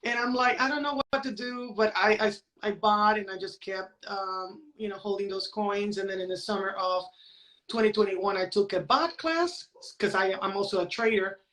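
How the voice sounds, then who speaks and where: A woman in her late 40s from San Juan, Puerto Rico, appears as a podcast guest and crypto educator, explaining things in a casual interview and checking in with "right?". Her medium-pitched voice is fairly bright at a normal speed, and the recording is rough.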